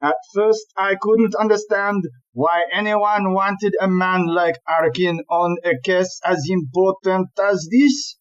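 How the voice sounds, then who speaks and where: A high, steady male voice belongs to an actor portraying an exasperated chief police inspector in a comic audio play. He blusters and rants with deliberate emphasis, explaining indignantly, and the recording is muffled.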